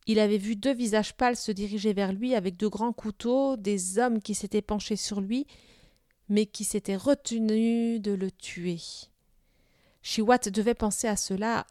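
A woman narrating a children's novel aloud in a steady, even storytelling manner. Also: mid-range voice, no room sound, clean studio sound.

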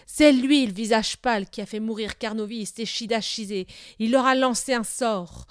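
A woman voicing a hateful older male shaman in a storybook reading, shouting accusations. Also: on the high side, normal speed, no echo, clean studio sound, close to an everyday voice. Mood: accusing.

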